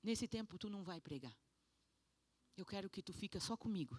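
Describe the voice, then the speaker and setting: A woman pastor voicing God as a gentle, fatherly figure, softly and tenderly. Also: mid-range voice, lively intonation, fairly quick, dry recording, lightly acted. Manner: soft, tender, quieter. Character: gentle fatherly God speaking to his daughter.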